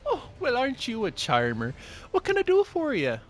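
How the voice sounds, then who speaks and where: A man doing a high cheery dwarf woman. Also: wildly swooping pitch, moderate pace, a bit bright, faint music behind, full character voice. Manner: sing-song, calls people honey. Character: cheery small dwarf woman apothecary, motherly.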